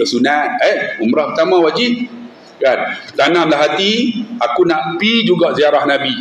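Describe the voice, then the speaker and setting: A man preaches in a mosque, telling stories with lively acted voices. His voice sits high. The sound is roomy and echoey, with a faint hum behind it. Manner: animated storyteller who acts out voices. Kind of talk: mosque lecture with storytelling. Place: mosque hall.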